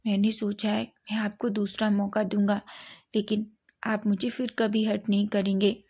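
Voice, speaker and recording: A woman's voice: mid-range voice, flat delivery, moderate pace, warm tone, husky. A woman voicing a shy, pouting young man in a narrated story who gives short, flustered replies. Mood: earnest.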